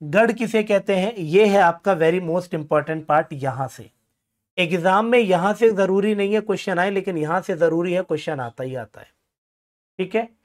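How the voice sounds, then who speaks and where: A man's voice: high voice, moderate pace. A man teaching grammar for an exam, calling his students friends and asking questions he then answers himself, with self-mocking asides. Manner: self-deprecating joking asides. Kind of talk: exam-prep lesson.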